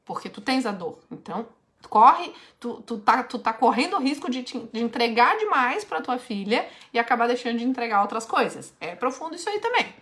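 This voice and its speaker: A woman with a fairly high voice runs a live mentoring session. She speaks directly and frankly, reading out questions from her group and coaching them through the answers. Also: very animated, brisk, fairly bright tone.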